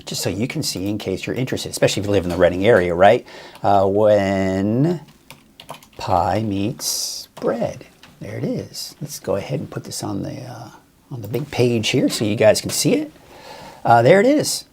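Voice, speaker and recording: Chatty lower-voiced weather host, a man. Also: very animated, normal speed, creaky, darkish tone, husky. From Northern California. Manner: chatty, rambling, thinks aloud with fillers. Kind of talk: casual live-stream forecast chat.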